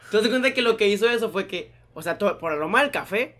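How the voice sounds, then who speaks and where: A young Mexican man tells a story in slangy casual chat, acting out the people in it. His voice sits high and bright, and he talks fast. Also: animated. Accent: Mexican Spanish.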